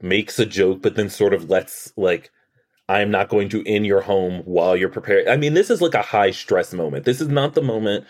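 Low-voiced man chatting on a podcast. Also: normal speed. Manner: chatty, analytical, many restarts and quoted lines. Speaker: podcast co-host. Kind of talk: casual chat recapping a TV episode.

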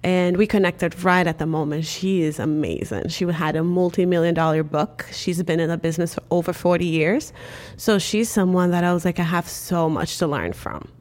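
A guest from Cape Verde shares her story in a casual interview chat, animated and peppered with "like." Cape Verdean Creole is her first language. She talks at a moderate pace in a voice on the low side.

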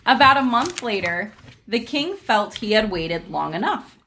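A woman's voice: mid-range voice, big pitch swings, a little slow, a bit bright, low-quality recording. A woman hosting and reading a folk tale aloud in a storytelling style, with casual asides. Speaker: narrator and host.

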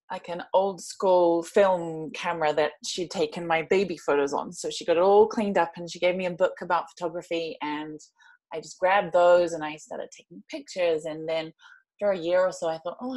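A woman's voice: lowish voice, a little mellow. Friendly woman guest from New Zealand. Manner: friendly storytelling. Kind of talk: casual podcast interview.

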